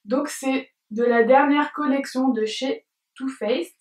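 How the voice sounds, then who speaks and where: A woman's voice: high-pitched, takes it slowly, darkish tone. A young woman chatting casually in a beauty tag video, hesitant with many fillers and giggles, filmed at home by a camera at some distance. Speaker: beauty vlogger. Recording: roomy sound from a distance.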